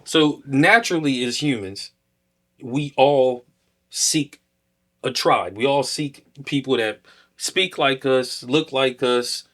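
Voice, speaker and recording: A man co-hosts a casual podcast. He lays out his points step by step in an easygoing, conversational way, at a mid pitch. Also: slow pace. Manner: relaxed, explanatory, builds points step by step. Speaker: podcast co-host.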